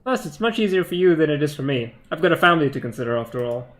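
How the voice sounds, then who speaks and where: A man's voice: a little high, big pitch swings, racing, fairly bright tone. A man voicing a straight-laced, serious male police detective in a video game, earnest and dry.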